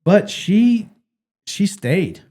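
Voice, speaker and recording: This is a high-pitched, very slow male voice belonging to a middle-aged podcast co-host. He chats casually, telling stories with animation and voicing other people's lines.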